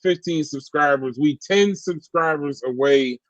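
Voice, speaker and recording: A man's voice: a little high, measured pace, dry recording. A man co-hosting a live stream with casual chat, on slightly lo-fi audio. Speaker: stream co-host.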